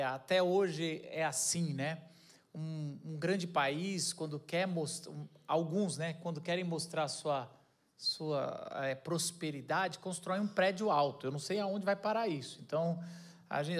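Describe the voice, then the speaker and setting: A man preaching a casual sermon, joking and correcting himself as he goes. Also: high-pitched. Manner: chatty, jokey, self-correcting. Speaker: pastor.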